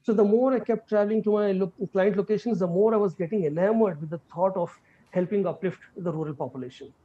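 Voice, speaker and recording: A middle-aged man from India, giving an earnest online lecture as a guest speaker, quick and full of fillers and restarts. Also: high voice, steady tone. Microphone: video call. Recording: dull lo-fi video call audio.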